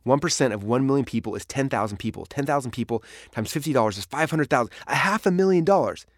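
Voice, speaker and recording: A man's voice: medium pitch, lively intonation, quick pace, no echo. Man narrating a memoir, dry sound. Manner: storytelling, dramatic in places.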